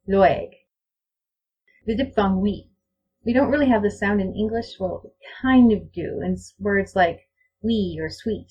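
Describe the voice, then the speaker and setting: Woman language teacher, husky voice, mid pitch, deliberate word-by-word examples. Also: a little mellow, dull audio. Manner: reads out example words one by one, slow and deliberate. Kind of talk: slide-show lecture on pronunciation.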